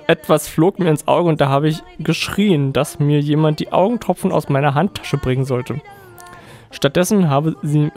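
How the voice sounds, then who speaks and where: A man co-hosting a radio show reads strange news stories in a somewhat high voice, breaking off to make fun of them. Soft music plays quietly beneath his voice. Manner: reads news items then mocks them, laughing often. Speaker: radio show co-host reading odd news. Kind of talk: casual joking news reading.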